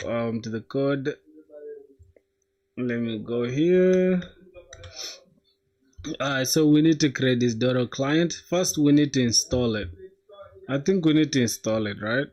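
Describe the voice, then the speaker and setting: Slangy young man live-coding. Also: medium pitch. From South Sudan. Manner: slangy, thinking aloud, bursts of excitement. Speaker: coding livestreamer. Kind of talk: casual live coding commentary.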